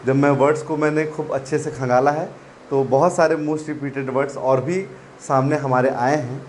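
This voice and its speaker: A man teaching a spelling lesson to exam students, repeating each word slowly and calling his listeners "children". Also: fairly high pitch, a little hiss or hum. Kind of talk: classroom-style spelling lesson.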